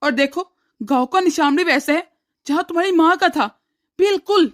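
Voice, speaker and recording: A woman voicing a caring, agreeable young husband in a cartoon story, speaking in a gentle, reassuring way. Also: very high voice, normal speed. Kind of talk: cartoon voice acting.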